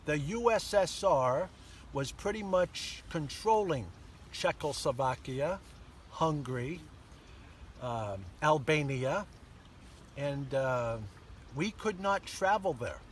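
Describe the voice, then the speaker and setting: An older man, an interview guest, calmly recounting his childhood in a casual outdoor chat with measured pauses. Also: a little high. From born in Germany to American parents. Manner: measured storytelling with many pauses and fillers. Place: outdoors in a sunny park by a pond. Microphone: camera mic at a distance. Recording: distant outdoor mic, faint background noise.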